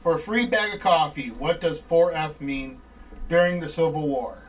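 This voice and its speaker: A man's voice: on the high side, moderate pace. A man hosting a casual podcast, joking and teasing listeners as he runs a trivia giveaway. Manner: wisecracking, teasing. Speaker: podcast host.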